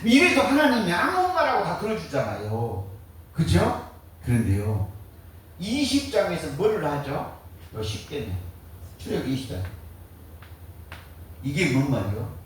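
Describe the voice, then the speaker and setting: A man's voice: fairly high pitch, big pitch swings, unhurried, long pauses, slight background noise. A man preaching a sermon as pastor, firing rhetorical questions and answering them in a colloquial, joking way. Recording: very echoey, distant mic.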